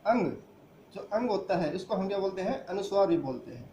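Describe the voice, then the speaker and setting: A man's voice: high-pitched, animated, a little fast, warm tone, roomy sound, a little hiss or hum. A man teaching a grammar lesson who asks the class questions and answers them himself. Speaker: school teacher.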